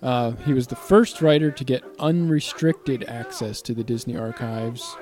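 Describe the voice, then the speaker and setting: A man's voice: medium pitch, normal speed, a little mellow, faint music behind. A man co-hosting a casual chat, speaking hesitantly with many fillers and laughing often. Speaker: podcast co-host. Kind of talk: casual chat reading from web articles.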